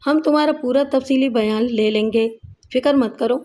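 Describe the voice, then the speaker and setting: Stern bossy cop guy, scolds and barks orders, high mellow voice, a lady reading him out. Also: lightly acted. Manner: commanding, scolding. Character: stern male police inspector, gruff and scornful.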